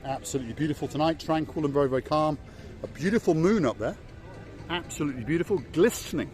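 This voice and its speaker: In another stretch of his jokey night tour of the harbour, the middle-aged vlog host from Wales talks chattily and doubles up words for emphasis. His slightly high voice is expressive, quick and darkish in tone, with music behind him.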